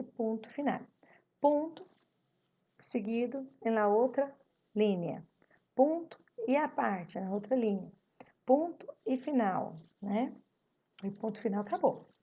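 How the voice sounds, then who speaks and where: Brazilian teacher, soft husky voice. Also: female voice, medium pitch. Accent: Brazilian Portuguese. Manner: mixes Portuguese and Spanish, acts out example questions with rising intonation. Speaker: Spanish teacher. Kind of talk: online class explanation. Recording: dull lo-fi stream audio.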